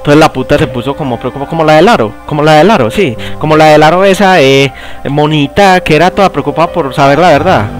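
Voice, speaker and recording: A man's voice: on the high side, fast talker. A young Colombian man with a Paisa accent, cursing and grumbling while he plays a horror game. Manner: cursing, shrieking and laughing in mock panic. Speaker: gamer. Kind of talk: angry let's-play commentary. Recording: game music behind the voice.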